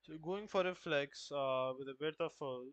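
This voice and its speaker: A man's voice: on the high side, normal speed, clear, resonant tone, dry recording, lo-fi sound. Muttering man thinking aloud, dry mic. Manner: muttering to himself, hesitant, joking asides. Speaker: vlogger following a coding tutorial. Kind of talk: casual thinking aloud while coding.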